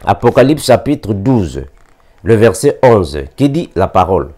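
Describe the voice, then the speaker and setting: Dark-voiced African preacher man. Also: lowish voice, sing-song, a little slow, slight background noise. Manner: repeats scripture references, emphatic quoted verses. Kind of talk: sermon.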